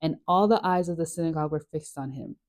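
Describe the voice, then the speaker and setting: A woman's voice: deep voice, fast, a little mellow. A woman hosting a casual Bible study chat, chatty and rambling, laughing often with lots of fillers. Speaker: host of a Bible study channel.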